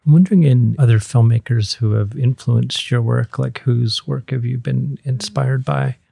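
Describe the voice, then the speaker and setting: Gravelly, dark-voiced male interviewer. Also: medium pitch, fairly even intonation, normal speed, dry recording, clean studio sound. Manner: long, winding questions with fillers. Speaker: interviewer host. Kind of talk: interview questions.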